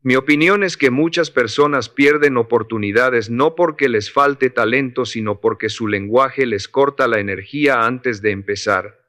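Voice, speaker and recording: A quiet man in his sixties who has worked construction for decades, as read by a male narrator. He gives advice in a calm, measured, instructive way, at a mid pitch. This is a spoken story. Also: natural voice. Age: 60s. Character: older Salvadoran construction worker, man of few words.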